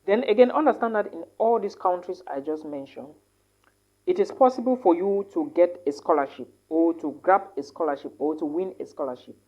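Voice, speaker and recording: A woman with a very low, darkish voice gives casual study-abroad advice to camera, animated and fairly quick, tossing in tag questions like "all right?" and using many fillers and mid-sentence self-corrections. She sounds a bit tired and yawns a lot. The recording is dull and lo-fi.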